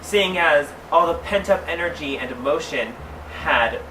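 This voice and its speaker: A man with a sassy drag queen delivery, reading fan fiction aloud comedically, with theatrical drawn-out emphasis and mock-scandalized asides. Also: a little high, animated, music in the background. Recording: roomy, distant mic, clearly noisy background.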